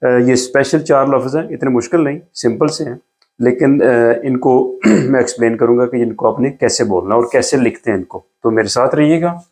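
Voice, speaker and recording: A man's voice: medium pitch, normal speed, a little mellow. Man, teacher, patient, step-by-step explanation, repeats sounds, writes while talking. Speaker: language teacher. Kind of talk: explaining a beginner lesson step by step.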